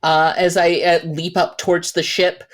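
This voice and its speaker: A woman playing a tabletop game, chatting casually and thinking aloud in halting, broken-up phrases. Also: fairly low pitch, little pitch movement.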